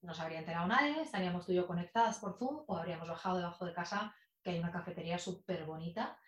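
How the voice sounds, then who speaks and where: A woman guest talking about public speaking in a chatty, expressive and playful way, in a casual in-person interview. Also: on the low side, racing, lo-fi sound. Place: in person in a room with the host. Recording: echoey room.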